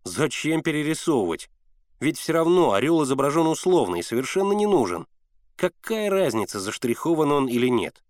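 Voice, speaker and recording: A man's voice: fairly high pitch, very animated, darkish tone, dry recording, studio quality, voice pushed up. A man reading aloud, voicing an impatient teenage boy who keeps hurrying his friend along. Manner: hurried, insistent, grumbling.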